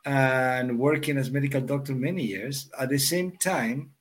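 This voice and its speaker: A man from Argentina, a guest answering interview questions in a halting way and often repeating words. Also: medium pitch. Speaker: guest, executive coach.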